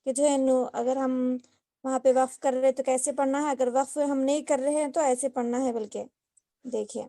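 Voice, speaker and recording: A high-pitched woman leads an online recitation lesson. Her tone is mellow and her delivery is patient, stepping through each rule and asking the class questions. The sound is dry and close, like a video call. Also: steady tone, moderate pace, no room sound. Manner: patient, explains step by step with repeated questions. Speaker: Quran recitation teacher.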